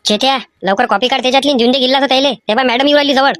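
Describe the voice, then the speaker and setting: Cheeky, whiny cartoon schoolboy. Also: female voice, high voice, rapid-fire, fairly bright tone. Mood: mischievous. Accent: Vidarbha Marathi. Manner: whiny, pleading, mischievous. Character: cheeky young schoolboy cheating in an exam. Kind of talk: animated cartoon voice acting.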